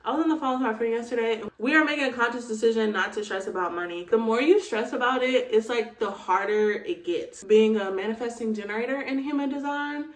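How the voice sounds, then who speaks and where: A woman's voice: fairly high pitch, fairly quick, few pauses. Candid woman vlogging in a roomy space. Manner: candid and reflective, lots of "like" and "girl". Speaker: lifestyle vlogger. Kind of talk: casual vlog chat. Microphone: phone camera. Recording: roomy sound from away from the phone.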